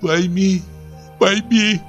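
A man's voice: medium pitch, lively intonation, normal speed, a bit bright, soft background music, voice pushed up. A man voicing a distraught young wife in hysterics, crying out in pleading, sobbing bursts. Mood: hysterical, pleading. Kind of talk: audiobook character voice.

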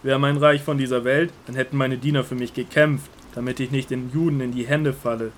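A man playing a calm, resolute Jesus in a Bible audio drama, speaking firmly and deliberately. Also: mid-range voice, a little hiss or hum, close to an everyday voice. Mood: calm, solemn. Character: Jesus, calm, resolute, earnest religious teacher.

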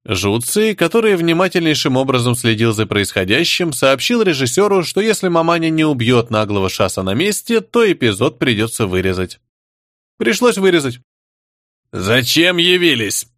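A man reads a fantasy audiobook aloud in a lively voice that swings widely in pitch. He voices the female figures higher than his own voice. The sound is dry and close, with no room echo. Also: a little fast. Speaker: audiobook narrator. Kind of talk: scripted narration.

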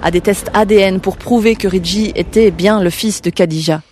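A woman radio reporter narrating a scripted news story in a measured, narrative way. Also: mid-range voice, a little mellow, a little hiss or hum.

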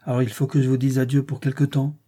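A man reading a brusque teasing gentleman. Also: mid-range voice, little pitch movement, fast talker, natural voice. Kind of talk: audiobook reading.

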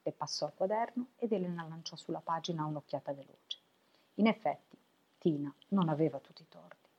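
A woman reading a novel aloud for web radio, steady and unhurried. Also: low voice, husky, highs cut off. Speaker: volunteer reader.

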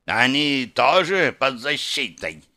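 A man voicing a brutal, bloodthirsty male demon gladiator in an audiobook, slow and growling. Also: medium pitch, sing-song, bright, forceful tone, full character voice. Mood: grudging growl. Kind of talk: audiobook character voice.

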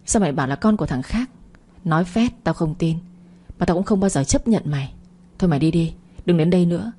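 A woman narrator voicing a bitter, proud older rich woman who talks curtly and scolds, in a low, husky voice. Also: animated, fast talker, dark tone. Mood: scornful. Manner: curt, scolding.

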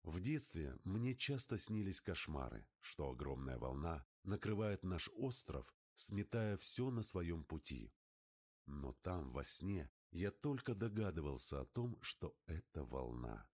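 A man giving an expressive first-person narration of an adventure story as an audiobook. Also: deep voice, unhurried, husky.

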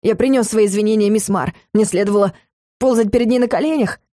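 A woman's voice: mid-range voice, fast talker, warm tone, dry recording, studio quality, natural voice. A woman reading a hesitant, defensive young son. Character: embarrassed young adult son, defensive and stubborn.

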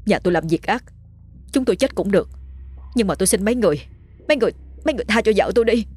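A woman's voice: mid-range voice, lively intonation, rapid-fire, darkish tone, slightly rough, dry recording, voice pushed up. A woman voicing a desperate young husband who pleads and sobs. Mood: pleading. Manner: pleading, sobbing.

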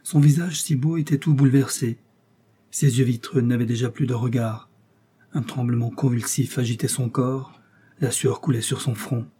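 A male audiobook narrator reads a classic novel in a steady, dramatic way. His voice is very dark and mellow, with a husky grain. The pitch sits in a middle range. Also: normal speed.

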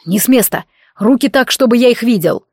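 A woman's voice: a little high, expressive, a little fast, darkish tone, no echo, clean studio sound. A woman voicing a stern male werewolf who is a mage officer, giving commands in a matter-of-fact way.

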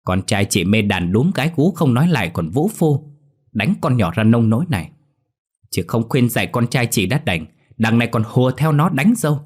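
A man's voice: mid-range voice, big pitch swings, moderate pace, slightly rough, pitched above the performer's own voice. A man doing an angry old landowner father. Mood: indignant. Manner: scolding, accusing. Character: angry older rich father, blunt and indignant.

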